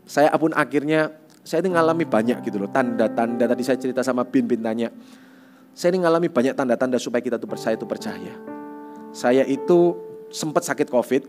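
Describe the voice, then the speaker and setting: Male youth pastor, animated testimony sermon over soft guitar. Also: mid-range voice, a little fast. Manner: animated storytelling, repeats tag phrases.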